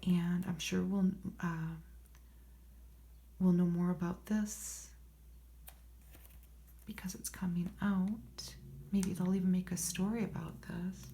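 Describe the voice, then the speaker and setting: A woman speaking in a soft, hushed, often whispered ASMR voice, reading from a magazine with unhurried, murmured, rambling asides to herself. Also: fairly low pitch, flat delivery, creaky. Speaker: ASMR host. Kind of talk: soft-spoken ASMR magazine read-through with casual commentary.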